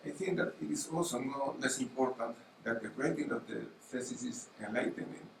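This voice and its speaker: A middle-aged man who is not a native English speaker, questioning formally and haltingly as an academic examiner at a thesis defense. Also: medium pitch, gravelly. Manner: halting, with repeated words and searching pauses. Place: university auditorium. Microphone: gooseneck table microphone. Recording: distant mic in echoey hall, faint noise.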